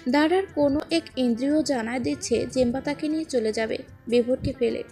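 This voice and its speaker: High-voiced woman reading a dramatic story. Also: fairly quick, warm tone. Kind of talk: emotional story narration. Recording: faint background music.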